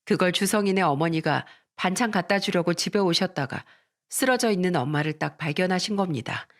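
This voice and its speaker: A woman giving scripted narration of a story in a calm, polite storytelling manner. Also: on the low side, fairly quick.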